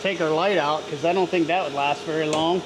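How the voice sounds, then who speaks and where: Man demonstrating over loud machine noise. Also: on the high side, brisk. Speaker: vlogger demonstrating workshop machinery. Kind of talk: casual hands-on demonstration. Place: workshop with running machinery. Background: machine running, steady mechanical noise.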